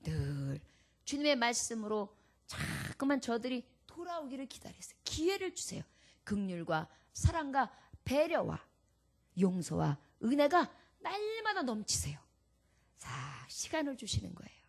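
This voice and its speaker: A woman preaching a sermon dramatically, moving from hushed, gentle passages to loud, fervent declarations. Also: fairly high pitch, wildly swooping pitch, unhurried.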